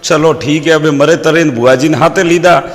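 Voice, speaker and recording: A man's voice: a little high, normal speed. A man with a Rajasthani accent telling comic folk stories and proverbs as a stage comedian. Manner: lively storyteller quoting proverbs. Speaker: stand-up comedian. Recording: long hall reverb.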